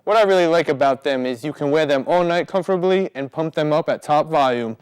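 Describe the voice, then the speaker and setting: A man's voice: on the high side, fairly quick, smooth, no echo. A man speaking as a customer giving a product testimonial in an infomercial.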